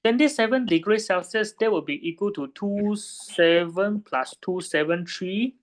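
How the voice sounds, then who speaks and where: A man's voice: high voice, a little slow. A man tutoring a student one-on-one in physics, patiently checking her understanding with frequent tag questions.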